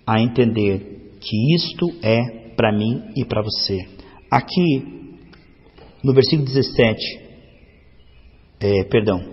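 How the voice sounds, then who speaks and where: A man with a Brazilian Portuguese accent preaching a sermon as pastor, building to emphatic swells and acting out quoted voices. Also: medium pitch. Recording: long reverb, dull lo-fi sound.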